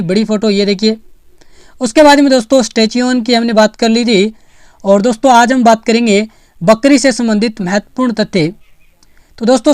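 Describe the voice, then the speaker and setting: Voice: mid-range voice, a little mellow, smooth, no room sound, studio quality. A teacher from Rajasthan, giving an online exam-prep lecture. The teacher keeps calling the students friends and repeats the key facts for them to remember.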